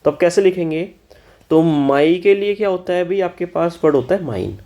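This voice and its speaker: A man's lively, mellow, high-sitting voice leads an exam-solution lesson in Hindi on German. He slowly spells out German words and scolds students for their common mistakes.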